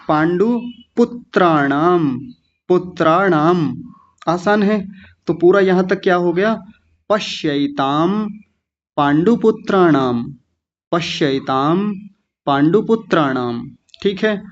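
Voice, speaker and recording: Man, teacher, slightly high voice, patient, slow repetitions, muffled lo-fi online audio. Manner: patient, slow syllable-by-syllable drilling. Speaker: Sanskrit recitation teacher. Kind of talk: online class teaching pronunciation. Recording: dull lo-fi online class audio.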